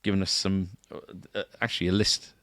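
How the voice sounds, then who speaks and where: Low-voiced chatty man in a dry room. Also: flat delivery, fairly quick, fairly bright tone, no room sound. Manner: chatty, with rising tag questions. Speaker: podcast co-host at a guitar shop. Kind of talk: casual chat. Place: shop, indoors.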